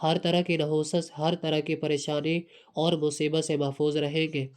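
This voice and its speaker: Pakistani urdu guy walking you through a prayer routine, kinda high voice, really smooth, stays flat. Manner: earnest, repetitive step-by-step instructing. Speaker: religious instructor. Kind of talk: devotional instruction monologue.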